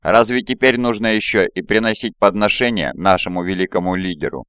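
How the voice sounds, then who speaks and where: Sly scheming warlord, read by a deep-voiced man, smooth clear audiobook voice. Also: brisk, fairly bright tone, dry recording, clean studio sound, natural voice. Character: scheming male primarch, sly and mocking. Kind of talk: audiobook character voice.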